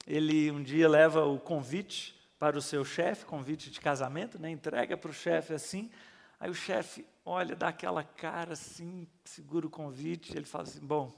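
A middle-aged pastor delivers a sermon full of stories in a folksy, conversational style, quizzing the audience and acting out characters' voices. His voice is a little high with vocal fry, trailed by a long reverb.

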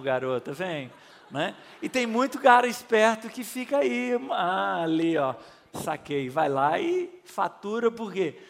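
A middle-aged male pastor preaches in a folksy, storytelling way, asking the listeners questions and acting out voices. His fairly high voice has a gravelly edge. The sound carries the long reverb of a church hall. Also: a bit bright. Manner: conversational, folksy, asks the audience questions, acts out voices. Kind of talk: sermon with storytelling.

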